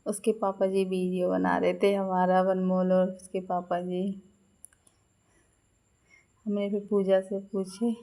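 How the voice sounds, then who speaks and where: A woman's voice: medium pitch, little pitch movement, takes it slowly, pauses often, dark tone. A woman in her thirties with a Madhya Pradesh Hindi accent, chatting through a vlog voice-over and laughing often as she tells the story. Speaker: vlogger. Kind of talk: casual vlog voice-over narration.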